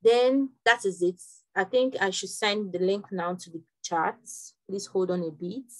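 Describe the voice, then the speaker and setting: A young woman from Nigeria leading an online workshop class over a video call, talking quickly with frequent restarts. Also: medium pitch, steady tone, low-quality recording. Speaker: workshop instructor.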